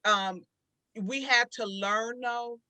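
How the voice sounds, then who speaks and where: A woman co-hosts a podcast, wandering through her thoughts and restarting her sentences as she goes. Her bright, fairly high voice is recorded dry, with no room sound around it. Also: takes it slowly, no room sound. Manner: rambling, restarts often. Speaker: podcast co-host. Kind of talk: casual chat.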